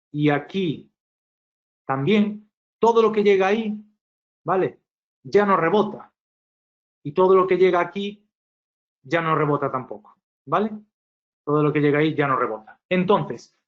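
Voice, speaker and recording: Man explaining acoustics in a muffled webinar. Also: fairly high pitch. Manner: explanatory, frequent rhetorical questions and "¿vale?" tags. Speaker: acoustics engineer presenting a webinar. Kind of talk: technical presentation.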